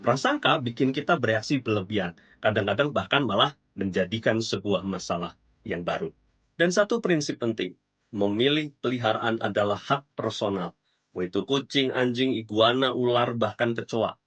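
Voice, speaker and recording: A man's voice: moderate pace, a bit bright, husky. Chatty man telling a story to the viewer. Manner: chatty, slangy, addresses the viewer directly; bouncy pitch jumps for emphasis. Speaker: vlog host. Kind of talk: casual storytelling commentary.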